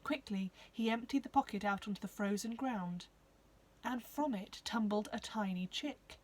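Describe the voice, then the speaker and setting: A woman narrating a children's novel in a clear, expressive storybook reading. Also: medium pitch, normal speed, low-quality recording.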